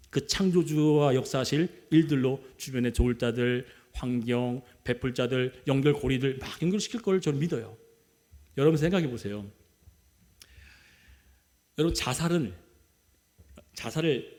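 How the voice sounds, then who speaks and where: A male pastor preaching a Sunday sermon, posing questions to the congregation and waiting for answers, alternating between loud exclamations and quiet asides. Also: mid-range voice. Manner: animated preaching, rhetorical questions, call-and-response with the congregation. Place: church sanctuary.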